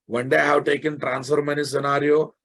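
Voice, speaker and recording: A man with a Telugu Indian accent and a husky, gravelly voice, lecturing informally and bluntly, repeating phrases for emphasis. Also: fairly high pitch, little pitch movement, fairly quick, a bit bright. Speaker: software programming teacher. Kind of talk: informal live online lecture.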